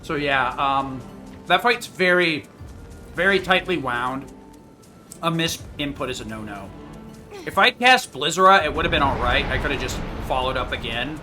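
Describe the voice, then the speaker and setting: A man's voice: on the high side, animated, normal speed, bright, forceful tone, soft background music. A man giving casual, rambling, matter-of-fact commentary on his own speedrun, picking at his own mistakes. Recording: clearly noisy home gaming recording.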